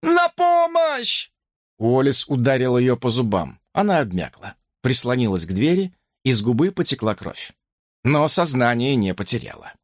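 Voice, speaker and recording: Man, audiobook narrator, lively expressive delivery, dry close recording. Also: mid-range voice, normal speed, no echo. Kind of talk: scripted horror narration.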